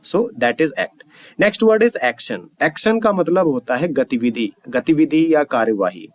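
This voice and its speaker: A man with an Indian accent teaching English vocabulary, saying example sentences slowly and clearly, then explaining more quickly. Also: on the high side, expressive. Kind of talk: Hindi-English vocabulary lesson.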